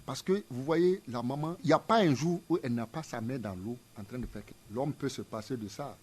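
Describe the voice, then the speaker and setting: A man's voice: mid-range voice, brisk, a little mellow, a little hiss or hum. A man, a museum director explaining his ideas in an interview with emphatic, repetitive phrasing. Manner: emphatic, didactic, repeats phrases in parallel pairs.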